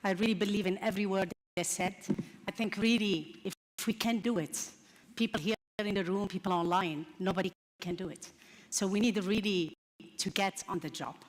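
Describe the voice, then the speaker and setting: A woman's voice: medium pitch, moderate pace. Earnest woman closing a conference in a hall. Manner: earnest, heartfelt, often says "really". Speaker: conference speaker. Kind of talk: formal closing remarks. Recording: long reverb in a large hall.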